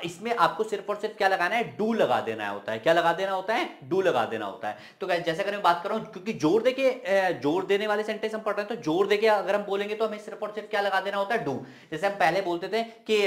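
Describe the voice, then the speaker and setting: A young man teaching English grammar in casual spoken Hindi, chatty, asking and answering his own questions. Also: high-pitched.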